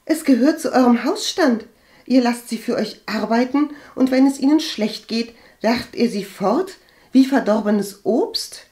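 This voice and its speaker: A woman's voice: fairly high pitch, expressive, moderate pace, few pauses, darkish tone, pitched above the performer's own voice, close to an everyday voice. A woman reading an audiobook and voicing an earnest, hot-tempered young woman healer who speaks in a heated, reproachful way. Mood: angry. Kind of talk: audiobook character voice.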